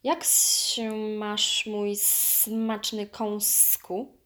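A woman voicing a sly python that hisses and croons slowly, with a strange altered tone. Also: mid-range voice, expressive, creaky, bright, forceful tone, heavily acted. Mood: crooning. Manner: drawn-out, crooning and coaxing. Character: slow hissing sly python snake.

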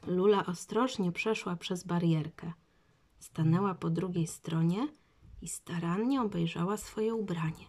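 A woman narrating a children's storybook in a measured reading voice. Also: lowish voice, darkish tone.

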